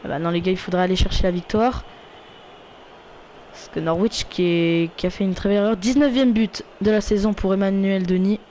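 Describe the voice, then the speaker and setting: A man with a French accent giving casual play-by-play commentary of his football video game, calling out player names and getting loud when a goal comes. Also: sits high, fairly even intonation, brisk, slight background noise. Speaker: gaming YouTuber.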